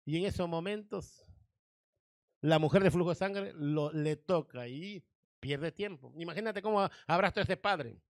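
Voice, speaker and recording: A man's voice: on the high side, normal speed, no room sound, clean studio sound. A male pastor preaching a sermon, reading scripture verses and asking the congregation rhetorical questions.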